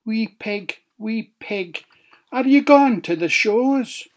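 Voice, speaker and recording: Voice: mid-range voice, lively intonation, slow, voice pushed up. A narrator voicing a sly, hungry old grey wolf in a Scottish storybook tale, in a wheedling sing-song. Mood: coaxing. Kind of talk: storybook reading.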